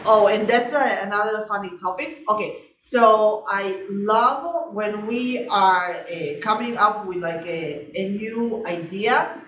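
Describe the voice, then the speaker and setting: Woman realtor, chatty vlog co-host, lively fillers, low-quality distant echoey stream sound. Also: slow, noisy background. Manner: animated, lots of "like" fillers. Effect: low-quality sound after the mic died. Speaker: realtor, co-host of a couple's channel. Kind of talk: casual chat to camera.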